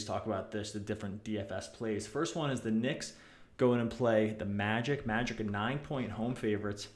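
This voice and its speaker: Echoey-sounding man hosting a sports podcast. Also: fairly low pitch. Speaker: podcast host. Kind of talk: casual sports podcast banter and analysis. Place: echoey room. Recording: echoey, roomy makeshift podcast setup.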